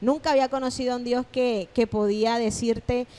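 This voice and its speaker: A woman pastor appears as a podcast guest, sharing her personal testimony in a voice on the high side and a little fast. She tells it animatedly as a story, acting out the things people said to her.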